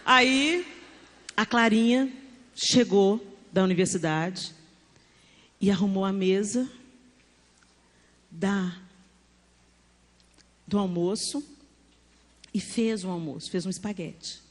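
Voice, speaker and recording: A middle-aged woman with a Brazilian accent preaching a sermon, telling family stories with animated acted-out dialogue. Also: medium pitch, takes it slowly, long pauses. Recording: long hall reverb, faint background noise.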